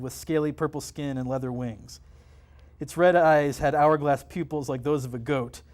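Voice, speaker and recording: A man, the author, reading his own novel aloud at a live event in a comic and game shop, narrating with lively drama. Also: on the high side.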